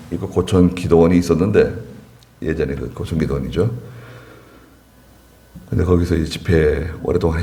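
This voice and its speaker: A man's voice: sits low, mellow. A male pastor preaching a sermon in church, telling stories with chuckling asides. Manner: anecdotal storytelling, chuckling asides.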